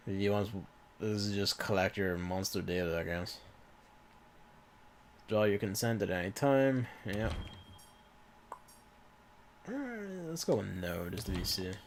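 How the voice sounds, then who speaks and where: Low-voiced man with a cough, rambling game commentary. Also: unhurried, vocal fry, long pauses, slight background noise. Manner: rambling, swears offhandedly, muttered asides. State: coughing, irritated throat. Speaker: gaming video host. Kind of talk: casual let's-play commentary.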